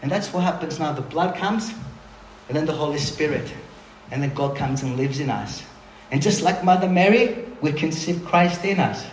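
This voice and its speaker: A man preaching a sermon in a lively, conversational way, breaking off for quick asides to the room. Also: on the high side, slight background noise. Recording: roomy hall sound with faint ambience.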